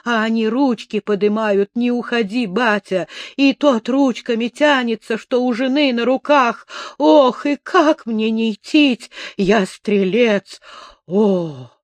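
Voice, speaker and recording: A reader voicing a terrified young soldier who has lost his mind, shouting in broken, frantic outbursts. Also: mid-range voice, slow pace, no room sound, pitched above the performer's own voice, close to an everyday voice. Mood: grieving. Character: raving, terrified young male soldier gone mad. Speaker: imprisoned musketeer.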